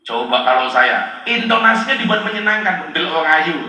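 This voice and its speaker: A man with a Javanese accent preaching an Islamic sermon, animated and joking, with loud cries and quoted verses. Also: fairly high pitch, normal speed. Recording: echoey hall from far off.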